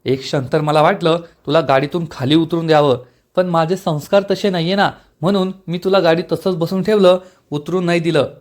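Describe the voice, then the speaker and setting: A man's voice: fairly high pitch, fairly even intonation, fairly quick, close to an everyday voice. A man voicing an irritable young husband who scolds his wife. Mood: irritated.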